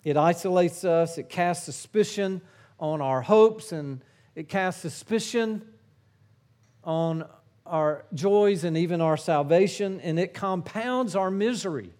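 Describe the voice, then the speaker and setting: A middle-aged man preaching a sermon in an earnest way, swinging between forceful emphasis and hushed, low phrases. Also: expressive, slow.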